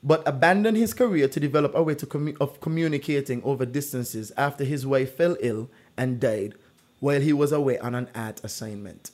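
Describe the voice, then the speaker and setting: Fairly quick and mid-range in pitch, a man hosts a casual true-or-false quiz. He's an energetic storyteller who fills his lines with "like."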